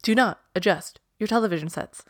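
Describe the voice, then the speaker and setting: A woman's voice: medium pitch, brisk, no echo, clean studio sound. A young woman, a podcast co-host, doing a playful mock announcement as if hijacking a television broadcast. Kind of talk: casual chat.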